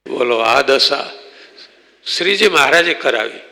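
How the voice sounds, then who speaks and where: Bright-voiced preacher in a reverberant temple. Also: male voice, medium pitch, a little slow, gravelly. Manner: lively storytelling, acts out quoted exchanges. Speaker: swami giving a religious discourse. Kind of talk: sermon storytelling. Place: temple hall. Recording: long reverb in a temple hall.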